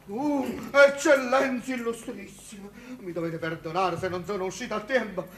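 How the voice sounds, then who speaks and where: An actor playing a fawning country innkeeper with a Neapolitan accent, obsequious and exclamatory in a stage comedy. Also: male voice, high-pitched, normal speed, a bit bright. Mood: gushing flattery. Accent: southern Italian, Neapolitan. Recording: echoey stage recording.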